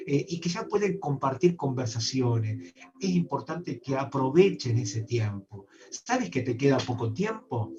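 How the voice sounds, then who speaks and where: A man preaching a sermon as a bishop, earnest and speaking straight to his listeners. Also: medium pitch. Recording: distant, dull online-meeting audio.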